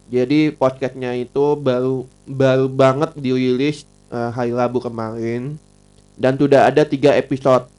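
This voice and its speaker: With soft music playing, an Indonesian-accented podcaster hosts a casual live stream chat and tends to repeat phrases. He mentions a slight lisp and slurred R and L speech himself, and speaks at normal speed in a clear, resonant, slightly mellow medium-pitched voice with little pitch movement.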